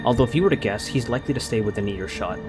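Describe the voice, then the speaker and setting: A man's voice: on the low side, racing, over loud music. A man running a tabletop role-play game as game master; he narrates scenes and explains them with hesitant restarts.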